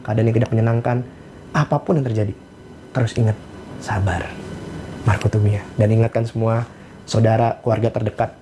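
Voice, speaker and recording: A man's voice: mid-range voice, slight background noise. A young man preaching a casual sermon as a pastor, conversational and slangy, acting out little stories. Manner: conversational, slangy, animated storytelling.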